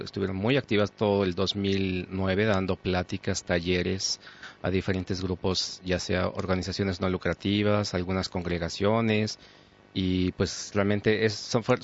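A man speaks in a low, gravelly voice with very little melody. He talks in a measured, hesitant way and often restarts his sentences. The sound is muffled and lo-fi. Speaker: radio co-host. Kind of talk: casual radio chat. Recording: dull lo-fi radio sound.

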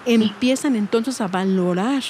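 A woman hosting a talk show panel, calmly putting questions to her guests. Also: medium pitch, measured pace, slight background noise. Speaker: host.

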